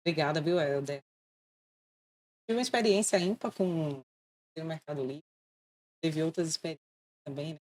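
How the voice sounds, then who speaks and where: A woman, a relaxed interview guest with self-mocking humour. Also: low voice, normal speed, pauses often. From Salvador, Brazil. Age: 30s. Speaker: guest, insurance broker. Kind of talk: casual interview chat.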